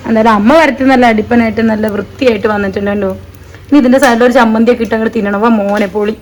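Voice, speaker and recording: Chatty fast-talking young woman vlogger. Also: fairly high pitch, fairly even intonation, darkish tone. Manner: chatty, rambling, laughs often. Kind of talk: casual vlog chat. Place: home kitchen. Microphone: phone camera. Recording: noisy home phone recording.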